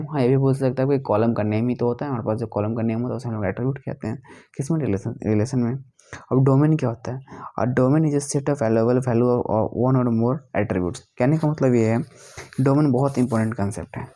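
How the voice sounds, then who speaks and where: A man's voice: mid-range voice, dark tone. A male teacher explaining a lesson, repeating each question and answering it himself, often correcting himself mid-sentence.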